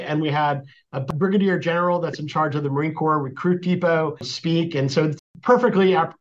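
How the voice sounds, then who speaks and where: Higher-pitched man, halting, in dull audio. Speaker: podcast guest, lawyer. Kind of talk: casual interview chat.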